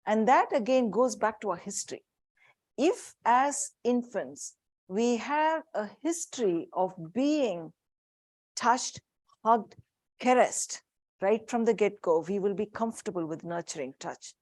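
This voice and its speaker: A woman with an Indian accent leads a parent workshop, explaining and holding up items for the room and a video call. Her pitch sits in the middle range, and the sound is dry with little room echo. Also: animated, measured pace. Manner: warm, practical, demonstrating objects. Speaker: child psychiatrist giving a parent workshop. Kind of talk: live workshop talk to room and Zoom.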